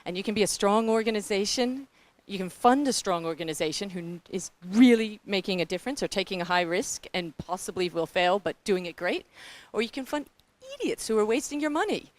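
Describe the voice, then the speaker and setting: A middle-aged woman with a New Zealand accent talks briskly at a medium pitch during a panel on grantmaking. Animated and candidly blunt, she frequently speaks straight to the audience.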